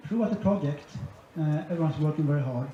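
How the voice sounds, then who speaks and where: A man's voice: a little high, fast talker, slight background noise. A man giving a conference presentation, laying out his points methodically one by one. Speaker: conference speaker. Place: large conference hall. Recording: echoey hall, dull sound, faint ambience.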